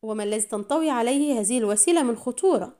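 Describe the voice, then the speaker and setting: A woman's voice: a little high, very fast, warm tone, lightly acted. A woman reading the lines of a weakened, bitter male hero agent in an audiobook. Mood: grim. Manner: bitter, angry.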